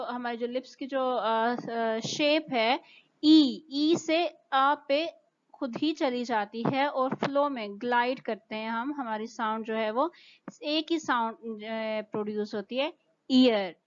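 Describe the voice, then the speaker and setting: Slow, careful Pakistani woman teacher, lo-fi. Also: on the high side. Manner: slow and careful, drawing out example words. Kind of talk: recorded lecture explaining English pronunciation. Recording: dull, lo-fi sound.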